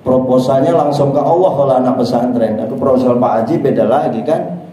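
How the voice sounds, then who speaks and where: Joking East Javanese preacher, echoey room. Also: male voice, mid-range voice, fairly quick, warm tone, distant mic. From East Java. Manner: joking, teasing the congregation. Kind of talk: dawn religious talk. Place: prayer room.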